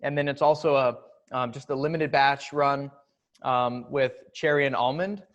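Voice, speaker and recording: A man's voice: mid-range voice, normal speed, highs cut off. A man hosting, casually explaining how a chocolate bar was developed and what subscribers get. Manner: relaxed, explanatory. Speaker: host. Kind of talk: casual product talk.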